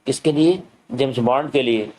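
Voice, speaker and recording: A man's voice: medium pitch, mellow, slight background noise, rough recording. A man teaching a school English lesson, reading each line of the text and explaining it in Hindi. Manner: reads English lines slowly, then explains them in Hindi.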